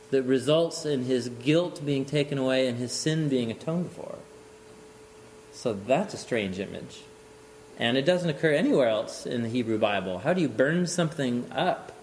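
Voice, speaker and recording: A man teaching an informal lecture on scripture, animated and often chuckling, thinking aloud with restarts. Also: medium pitch, a little hiss or hum. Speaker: Bible teacher.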